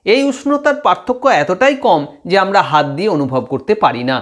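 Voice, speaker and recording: A man's voice: sits high, very animated, brisk. A man teaching students phonetics, patiently explaining and repeating sounds aloud to demonstrate them.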